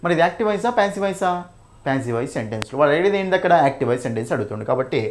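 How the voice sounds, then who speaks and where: A young man with a Telugu accent and a fairly high, expressive voice gives an exam revision lesson on English grammar, with a little hiss or hum in the audio. He breaks down each answer option in detail, slowly reads the English example sentences, calls his students "nanna", and keeps asking "okay?" and "right?".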